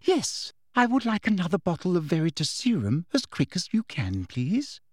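A man voicing a furious middle-aged woman official with a sweetly girlish, shrill voice in an audiobook reading. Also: wildly swooping pitch, normal speed, a little mellow, dry recording, clean studio sound, exaggerated voice. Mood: sugary. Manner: shrill, squawking and shrieking.

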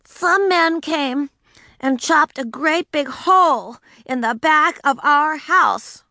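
A woman reading aloud, voicing an indignant, proud first-grade girl who shouts and insists. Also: high-pitched, slow pace, dry recording, clean studio sound, pitched above the performer's own voice, exaggerated voice. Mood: insistent.

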